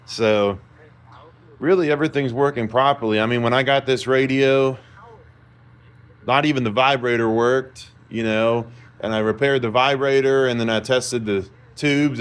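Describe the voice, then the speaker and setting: A man with a smooth, medium-pitched voice shows off a vintage car radio he repaired, indoors at a repair shop. Like a hobbyist vlogger, he demonstrates it casually and ramblingly, sounding informal and self-assured.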